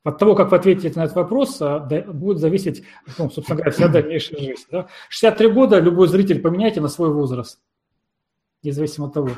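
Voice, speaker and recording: Мужчина, ведущий онлайн-ток-шоу, спокойно говорит и обращается к зрителям в комнате. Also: male voice, a little high, quick pace, warm tone. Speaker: talk show host. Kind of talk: hosting a live online talk show.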